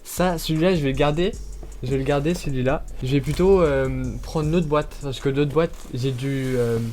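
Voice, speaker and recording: A man's voice: mid-range voice, darkish tone. A man chatting casually while unboxing products, hesitating often with fillers and breaking into short laughs.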